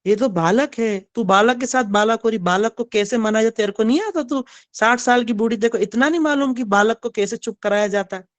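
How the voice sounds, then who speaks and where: A man voicing a wise old woman who chides a mother for not knowing how to quiet a child. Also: high-pitched, fairly quick, no room sound, pitched above the performer's own voice, lightly acted. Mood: chiding. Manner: chiding, matter-of-fact.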